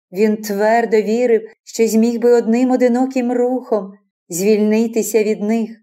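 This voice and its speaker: A woman narrating a classic novel as an audiobook in a measured, expressive reading. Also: a little high. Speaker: audiobook reader.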